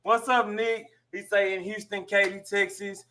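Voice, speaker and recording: Chill dj guy reading viewer shout-outs, pretty high voice. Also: level tone, normal speed. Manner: laid-back, reads viewer names. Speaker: DJ and co-host. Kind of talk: casual live-stream chat.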